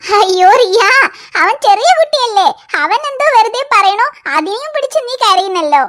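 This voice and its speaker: A woman's voice: very high-pitched, lively intonation, moderate pace, fairly bright tone. A woman voicing a patient, teasing young mother in a cartoon, soothing and coaxing. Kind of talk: cartoon voice acting.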